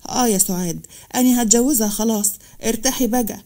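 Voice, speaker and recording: A man's voice: very high-pitched, fast, mellow. A woman voicing a commanding older wealthy man, with an Egyptian accent, in a narrated story. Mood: stern. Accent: Egyptian Arabic. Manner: firm and commanding.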